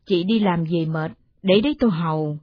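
A woman's voice: on the low side, normal speed, no room sound, lo-fi sound, voice pushed down, natural voice. A woman voicing an elderly village mother-in-law who speaks plaintively and pleadingly, in a storybook reading. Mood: hurt.

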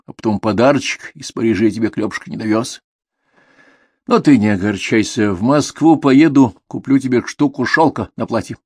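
A man's voice: medium pitch, moderate pace, husky, no room sound, clean studio sound, natural voice. A man voicing a young man just back from a journey, who speaks plainly and easily to his sister. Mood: easy.

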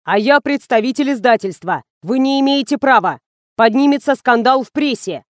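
A woman's voice: sits high, animated, normal speed, dry recording, studio quality. A woman reading the part of a pushy male PR man who fires off fussy questions. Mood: insistent.

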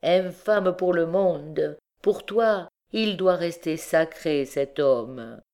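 Female reader voicing a trembling mother, imploring, slow and fairly low. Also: darkish tone. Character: distraught trembling mother hiding a secret. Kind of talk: audiobook dialogue reading.

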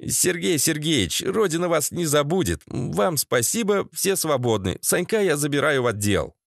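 A man's voice: a little high, very animated, moderate pace, creaky, no room sound, studio quality, exaggerated voice. A man voicing a prim, scheming male secret-police officer with a fussy, formal manner in an audiobook.

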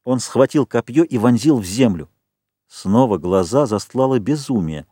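Male audiobook reader, mid pitch, very lively intonation, dry booth sound. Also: normal speed, slightly rough, no echo. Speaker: audiobook narrator. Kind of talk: scripted literary audiobook narration.

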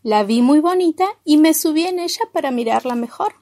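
A woman voicing a small male creek bug with a high, tearful voice and an Argentine accent. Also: animated, fairly quick, dark tone, no echo. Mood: hurt. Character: little male creek bug, polite and hurt.

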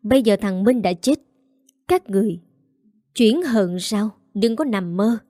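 A woman's voice: mid-range voice, expressive, measured pace, dark tone, dry recording, studio quality, close to an everyday voice. A woman voicing a cold, domineering older matriarch of a wealthy house, speaking with contempt. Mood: scornful.

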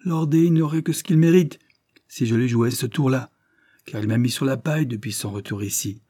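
A man's voice: medium pitch, moderate pace, warm tone, no room sound, studio quality, voice pushed up, lightly acted. A man doing an evasive young husband. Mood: agitated reassuring. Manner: forced cheerfulness, protesting.

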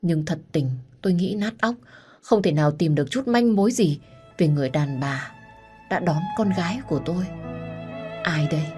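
A woman's voice: on the low side, animated, normal speed, a little mellow, slightly rough, soft background music. A woman narrating an audio story and talking earnestly to her listeners as host. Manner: intimate, earnest, addresses listeners directly.

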